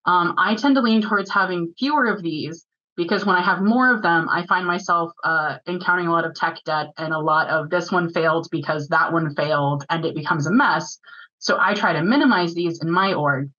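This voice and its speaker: Woman, presenter, technical talk, fast and chatty, lowish voice, dull lo-fi audio. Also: bright, forceful tone. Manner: fast-talking, chatty with filler words. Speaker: presenter at a user group meeting.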